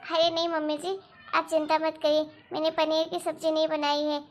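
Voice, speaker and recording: A woman's voice: sits high, monotone, normal speed, lightly acted. A woman voicing a sweet young bride. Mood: eager. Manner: sweet, pleading. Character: eager young newlywed bride. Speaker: daughter-in-law. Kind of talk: animated story voice acting.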